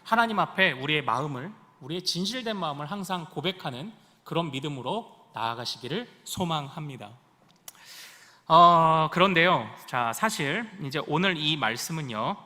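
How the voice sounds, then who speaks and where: A man's voice: on the high side, sharp tone, in a large hall. A male pastor preaching a sermon in a church sanctuary, with rising emphasis and questions put to the congregation. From Korea.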